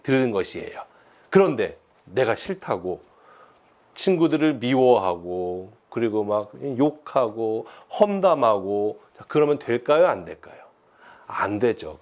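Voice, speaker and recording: A pastor in his thirties tells a children's sermon from his home, with a bouncing, lively pitch that rises and falls as he tells the story. The recording sounds a little dull and lo-fi. He speaks to the children in a playful, animated way. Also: measured pace.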